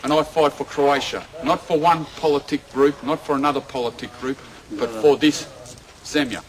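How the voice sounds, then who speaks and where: A man from Australia, speaking bluntly and excitedly as a volunteer soldier in a frontline field interview outdoors. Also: a little high, normal speed, low-quality recording. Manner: blunt, excited, switching mid-sentence. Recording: archive field recording with crowd noise.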